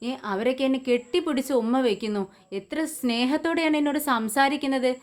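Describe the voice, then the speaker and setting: A small girl full of questions, pressing her mother for answers in a retold TV serial, as a woman narrator voices her. The voice sits a little high and is close to the narrator's own. Her lines come one question after another. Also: brisk, lightly acted. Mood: puzzled. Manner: pestering questions.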